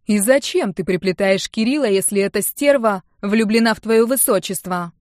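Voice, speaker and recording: A woman's voice: medium pitch, moderate pace, darkish tone, no echo, studio quality, natural voice. A woman reading an audiobook, voicing a domineering wealthy middle-aged mother who talks with sarcasm and scorn. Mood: angry. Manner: sarcastic, venomous, raising her voice.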